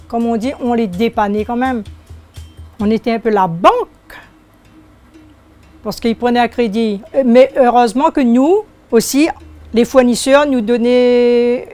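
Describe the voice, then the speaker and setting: An older woman in her sixties from Réunion, speaking, recalling her life as a shopkeeper in an unhurried, hesitant way. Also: fairly high pitch, dark tone. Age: 60s. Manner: unhurried, hesitant, searching for words. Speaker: shopkeeper interviewee. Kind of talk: oral history interview.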